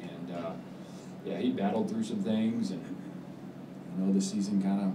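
A man in his forties, a head football coach answering post-game press questions in a measured, halting way with many fillers. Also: low-pitched, steady tone. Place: press room with backdrop, indoors. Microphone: table mic on stand. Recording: roomy, distant mic, background noise.

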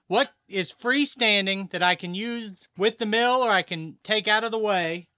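Outdoors on a farm near a garage and a pond, a vlogger in his thirties walks casually through a farm tool project step by step, chatting as he goes. He speaks in a high voice with a sharp tone.

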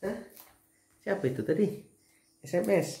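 A man's voice: sits high, moderate pace, creaky, dark tone. A teasing, playful father. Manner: teasing and playful, laughs often. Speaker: father filming his daughter. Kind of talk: casual family vlog chat.

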